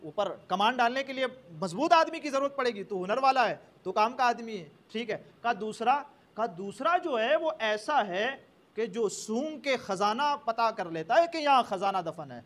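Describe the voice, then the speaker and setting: A man's voice: very high voice, expressive, fairly bright tone. A male preacher telling a story in a sermon, animatedly speaking the characters' lines in turn.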